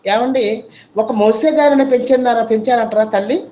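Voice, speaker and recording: A woman's voice: fairly high pitch, moderate pace, mellow, slight background noise. Woman preacher, sermon delivery, emphatic and repetitive. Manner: emphatic, repetitive rhetorical questions.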